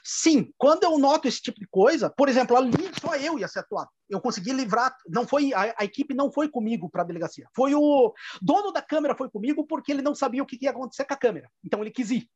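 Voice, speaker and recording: A filmmaker with a Rio Grande do Sul accent tells rambling anecdotes in a casual interview, full of restarts and laughter. His very high voice is animated, quick, and slightly rough yet a little mellow, with few pauses, on a dry recording with the highs cut off.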